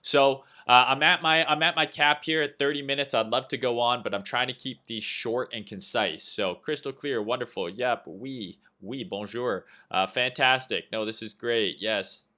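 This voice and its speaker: A young Canadian-accented man runs a laid-back livestream, chatting through trading setups and answering chat, which he reads aloud. His mid-range voice is sharp, moderately paced, and nearly free of pauses, with frequent "uh" and "right?".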